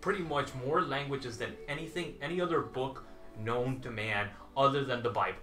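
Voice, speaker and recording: In an echoey small room full of movie memorabilia, a man in his thirties argues for the Lord of the Rings side of a casual debate, laying out figures. His voice is medium-pitched, bright, and forceful at a moderate pace.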